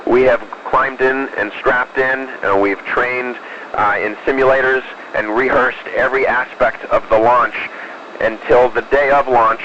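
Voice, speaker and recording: A man, an astronaut, answering questions over a space radio link in a measured, explanatory way with hesitant pauses. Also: mid-range voice, fairly even intonation, sharp tone, muffled recording, a little hiss or hum. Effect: space radio transmission. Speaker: astronaut aboard the space station. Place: inside an orbiting space station.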